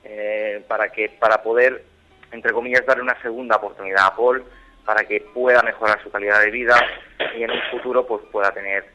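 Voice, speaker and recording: A man in his thirties with a Spanish accent from Barcelona speaks earnestly as a radio caller. His voice is bright and forward, and he stops and restarts often as he finds his words. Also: fairly low pitch, fairly even intonation, fairly quick, lo-fi sound, faint music behind. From Spain. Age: 30s. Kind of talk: phone-in interview.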